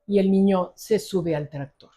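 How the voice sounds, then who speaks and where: A middle-aged Mexican woman speaks in an interview as a psychologist. Her voice is warm and mellow. She tells stories vividly, slipping into the voices of the people in them. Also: mid-range voice, a little slow. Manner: lively storyteller acting out quoted dialogue. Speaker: psychologist specializing in ADHD. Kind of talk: conversational interview, storytelling.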